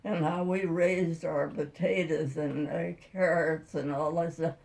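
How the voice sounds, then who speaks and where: Telling plain-spoken, rambling tales of her childhood, this interviewee is past the age of one hundred. She speaks a little slowly in a low, darkish voice with a steady tone and vocal fry, in a casual storytelling style.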